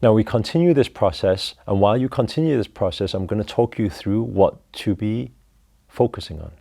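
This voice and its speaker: A man leading a guided breathing meditation, talking slowly and calmly through each step. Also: on the low side, vocal fry. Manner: slow, calm, instructive.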